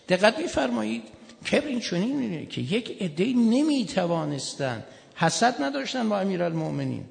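A man's voice: a little high, vocal fry. A man preaching a sermon from the pulpit, telling stories and quoting scripture with emphatic rises. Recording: echoey hall with long reverb.

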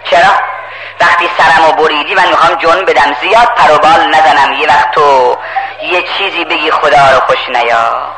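A man's voice: fairly high pitch, steady tone. Male preacher telling a story, dramatic and emphatic, crowd noise behind. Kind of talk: sermon storytelling. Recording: echoey hall with crowd.

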